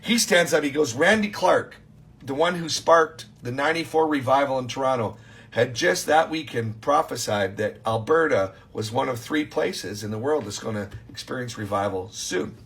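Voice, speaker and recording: A man, a minister, telling an excitable testimony story, with frequent restarts and repeated phrases. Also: medium pitch, normal speed, vocal fry. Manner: excitable, restarts often, keeps saying he was freaking out.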